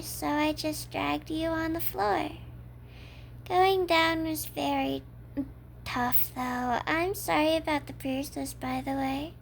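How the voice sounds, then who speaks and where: A woman's voice: sits high, gravelly, a little hiss or hum. A woman playing a cheerful, obsessive yandere kidnapper in an ASMR role-play, talking coyly and matter-of-factly to a captive listener. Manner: matter-of-fact, coy, addresses the listener as captive.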